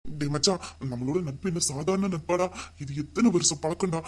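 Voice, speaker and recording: A man's voice: fairly high pitch, fairly quick, a little hiss or hum, lightly acted. A man voicing a sly young male friend who pleads and wheedles nonstop in a casual audio story. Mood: pleading.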